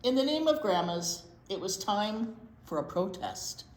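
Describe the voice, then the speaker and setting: This children's storytime reader brings a library picture book to life for little ones, her medium voice expressive as she stops to ponder aloud and put questions to the kids. Roomy echo and clearly audible background noise surround her.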